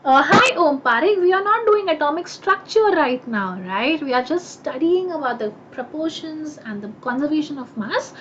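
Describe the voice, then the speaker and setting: A woman with an Indian accent teaching science in a live online class, chatty and animated, often asking questions and answering them herself. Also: high-pitched, normal speed, hardly any pauses. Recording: muffled audio with clear background noise.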